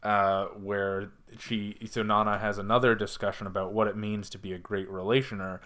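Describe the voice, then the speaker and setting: Wry, low-voiced male podcast co-host. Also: flat delivery, moderate pace, fairly bright tone. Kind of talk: casual anime review chat.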